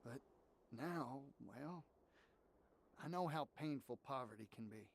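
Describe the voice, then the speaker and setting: An actor playing an idealistic young small-town merchant in a video game, sincere, folksy and determined, with an American Southern accent. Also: male voice, medium pitch, animated, a little slow, vocal fry, a little hiss or hum. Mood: earnest, wistful. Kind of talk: dramatic video game voice acting. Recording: music under the voice.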